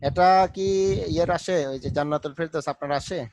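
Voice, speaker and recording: A man's voice: on the high side, steady tone, fast, a little mellow, low-quality recording. A man tutoring students in a live online class, patiently walking them through steps and mixing in English terms. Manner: patient, repeats instructions, mixes English terms into speech.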